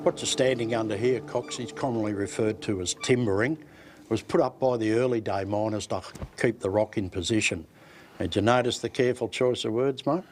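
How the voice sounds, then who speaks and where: A man's voice: lowish voice, a little fast, darkish tone. An Australian man with a matey, laid-back tradesman's manner, talking casually as he guides a tour. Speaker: gold mine tour guide. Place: underground mine tunnel.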